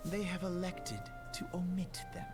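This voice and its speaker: Smug scheming young nobleman, acted by a man, pompous villain-style monologue, video game dialogue, clear background music. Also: high-pitched, flat delivery, normal speed, lightly acted. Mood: grave, lecturing. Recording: game audio under loud music.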